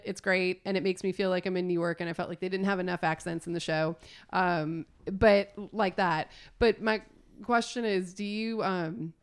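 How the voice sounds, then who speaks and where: A woman hosting a casual interview, chatty and excitable with quick laughs. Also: lowish voice, clean tone. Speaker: podcast host.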